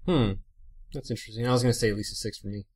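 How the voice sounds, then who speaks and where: A man's voice: medium pitch, rapid-fire. A man co-hosting a casual podcast, joking in a playful, mischievous way. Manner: playful, mischievous, deadpan jokes. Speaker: podcast co-host.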